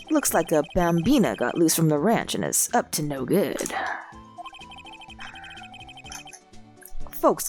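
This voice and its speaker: A woman's voice: sits low, darkish tone. A woman voicing a swaggering cowboy detective man in a mock Western drawl.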